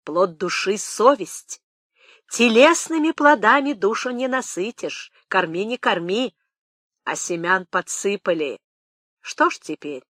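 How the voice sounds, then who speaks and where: Picture an old village nanny, tender but teasing, whose voice rises and falls in a lively singsong as she croons and laments, as a woman reader puts her on. Sometimes she drops to a hushed whisper. The sound is dry and close. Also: medium pitch, unhurried, no echo. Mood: brooding.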